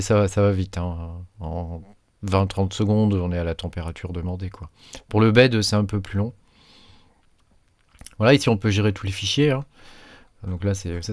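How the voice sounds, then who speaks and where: A man's voice: sits low, darkish tone, dry recording. A French-speaking man hosting his own channel, talking casually through a screen demo with lots of hesitations and restarts. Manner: halting, many fillers and restarts. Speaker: maker channel host.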